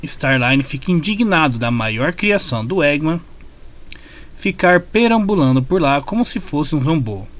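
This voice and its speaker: Narrating comic story summaries from a script, a man with a Brazilian accent speaks a little slowly in a fairly bright, high-side voice with lively intonation. Background music is clearly audible under his reading.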